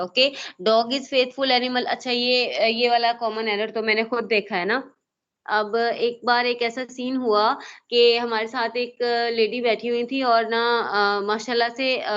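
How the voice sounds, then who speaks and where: A woman, teaching English grammar in an online exam-prep lesson, who explains patiently and reads example sentences slowly. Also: on the high side, a bit bright. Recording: dull lo-fi online class audio.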